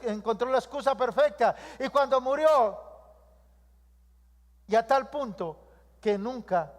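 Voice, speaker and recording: A man preaching a sermon as pastor, leading the congregation in call-and-response and stacking repeated lists. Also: very high-pitched. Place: church hall. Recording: long reverb of a church hall.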